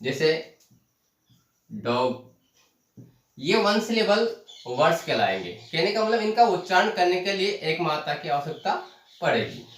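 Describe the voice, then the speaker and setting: A man teaching a lesson, explaining terms slowly, repeating them and asking the class questions. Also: on the high side, very animated, a bit bright. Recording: echoey room, voice from far off the mic.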